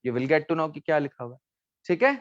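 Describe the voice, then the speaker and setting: A man teaching a language class online, repeating each word slowly and quizzing his students. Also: fairly high pitch, big pitch swings, no room sound. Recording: dull lo-fi sound.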